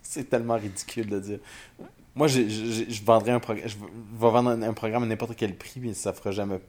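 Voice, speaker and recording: A man co-hosting a casual tech podcast. He is wry and emphatic and quick to jump in. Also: fairly low pitch, steady tone, darkish tone. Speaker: podcast co-host.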